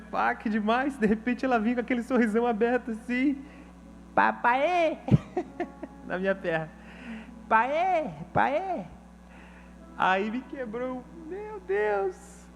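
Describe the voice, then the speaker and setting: Man, Brazilian Portuguese accent, pastor, sermon, emotional storytelling, high voice. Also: a little hiss or hum. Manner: emotional, storytelling with slang and acted quotes.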